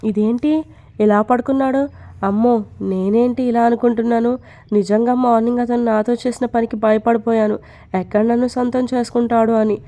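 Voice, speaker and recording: A woman voicing an anxious young bride who talks through her worries in a soft murmur. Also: on the high side, fairly even intonation, normal speed, natural voice. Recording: dull lo-fi recording.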